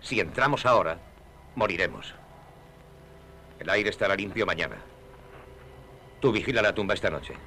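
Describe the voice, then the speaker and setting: An actor playing a commanding, scornful leader of tomb robbers in a dubbed horror film. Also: male voice, low voice, expressive, normal speed, pauses often, full character voice. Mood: dismissive, firm. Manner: commanding, dismissive, forceful. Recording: old film soundtrack, faint noise.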